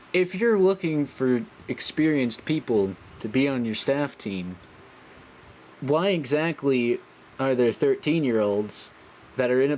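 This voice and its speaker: A man's voice: medium pitch, a little mellow, a little hiss or hum. A man on a live stream pressing the server owner with pointed questions about the staff.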